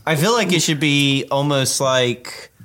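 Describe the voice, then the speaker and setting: A man's voice: fairly high pitch, measured pace, a bit bright. A man, a guest writer on a comedy podcast, talking hesitantly with many fillers. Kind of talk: improvised comedy chat.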